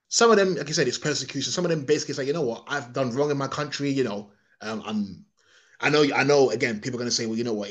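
On a podcast, a man from England holds forth in a meandering, opinionated monologue, often starting over and saying things twice. His voice sits at a medium pitch.

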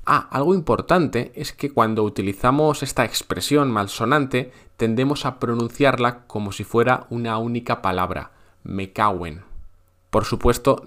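A man's voice: medium pitch, a bit bright. Playful Spanish man teaching a lesson. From Spain. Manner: playful, dry jokes, explains slowly with examples. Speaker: podcast host teaching Spanish. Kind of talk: scripted podcast lesson. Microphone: podcast microphone.

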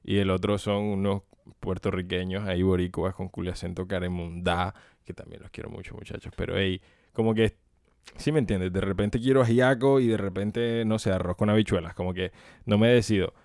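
A very low-pitched man, talking casually alone on his podcast. He rambles, swears and jokes, close to the mic in a dry, dead-sounding room. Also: fairly even intonation, brisk, a little mellow, no room sound. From Colombia. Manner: rambling, profane and joking, often laughing. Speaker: podcast host. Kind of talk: casual solo podcast monologue. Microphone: close microphone.

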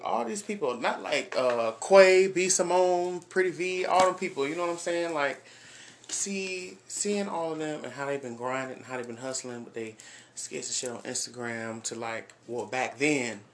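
A man in his twenties hosting a casual podcast, animated and hyped, full of slang and exclamations. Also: medium pitch, a little hiss or hum. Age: 20s. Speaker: podcast host.

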